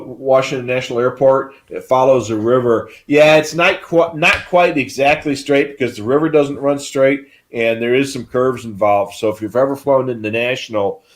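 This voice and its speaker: A man co-hosting a live stream, explaining in a casual, rambling way with many fillers. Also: medium pitch. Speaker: livestream co-host.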